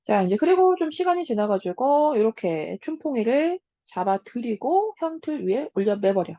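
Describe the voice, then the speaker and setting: A woman teacher giving a casual lecture on a classic story, talking straight to her students with many soft hums between points. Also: a little high, no room sound. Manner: casual, talks to students as 얘들아 with frequent hums.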